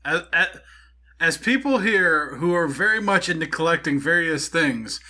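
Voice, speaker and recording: A man co-hosting a casual podcast, making dry, measured comments. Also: on the high side, lively intonation, pushed and bright. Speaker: podcast co-host.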